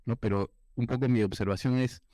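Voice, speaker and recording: A man speaking at a banking panel discussion, measured and explanatory, with many fillers. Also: mid-range voice, steady tone, warm tone, no room sound. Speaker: panel participant. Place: event room.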